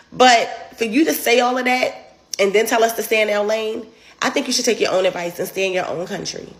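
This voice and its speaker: A woman's voice: a little high, rough recording. A woman speaking bluntly and emphatically in casual commentary.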